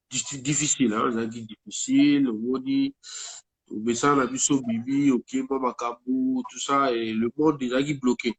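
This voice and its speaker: A guest musician speaks French with a Congolese accent in a casual interview, rambling and slipping in Lingala words while fighting a head cold. His voice is mid-range and slightly rough, and the audio quality is poor.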